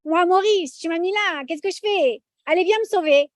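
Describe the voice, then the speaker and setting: A woman's voice: very high-pitched, moderate pace, no room sound, voice pushed up. A woman voicing a stubborn man stranded on a buoy, pleading and cocky.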